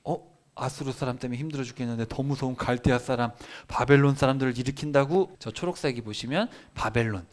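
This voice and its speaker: A man preaching a Bible sermon for children and families, explaining the text and acting out quoted prayers with lively shifts in voice. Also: mid-range voice. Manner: animated, acts out quoted prayers and God's replies. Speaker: pastor. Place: church service.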